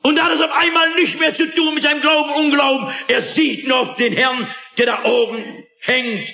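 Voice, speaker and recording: A man's voice: extremely high pitch, fairly even intonation, normal speed, bright, forceful tone. A man preaching a sermon in an emphatic, dramatic manner, often asking the listeners rhetorical questions. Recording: echoey, dull lo-fi recording.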